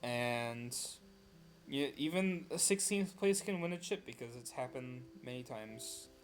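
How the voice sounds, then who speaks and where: A man's voice: medium pitch, animated, unhurried, soft background music. A tired young man hosting a casual chat about league rankings, rambling with many fillers and self-deprecating asides. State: tired, losing his voice. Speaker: host of draft league power rankings.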